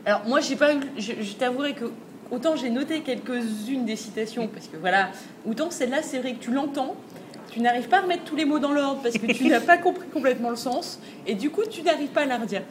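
A woman co-hosting a podcast in a casual chat, quick and animated and laughing often. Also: sits high. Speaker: podcast co-host. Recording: noisy recording with audible hiss.

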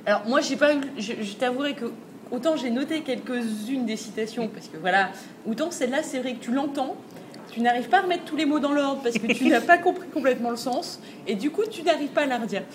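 A woman co-hosting a podcast, chatting in a lively, amused way. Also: sits high, brisk, slight background noise. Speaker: podcast co-host. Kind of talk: casual chat.

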